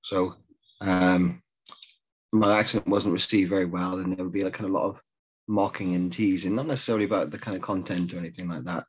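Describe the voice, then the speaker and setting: A middle-aged South African therapist joins a reflective group discussion over a video call from a room at home, talking hesitantly and filling his speech with fillers. His voice sits low and steady, slightly rough and a little fast, and the webcam gives it a lo-fi sound.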